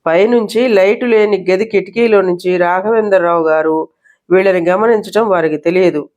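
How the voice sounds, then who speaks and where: A woman storyteller reading a novel aloud with steady, expressive narration. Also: mid-range voice, moderate pace, highs cut off. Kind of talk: scripted narration.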